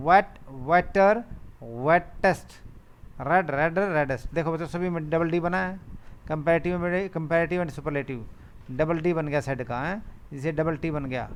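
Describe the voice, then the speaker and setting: A man's voice: on the high side, clear, resonant tone. A male teacher, giving a lesson to children, repeating word lists and reading grammar rules aloud.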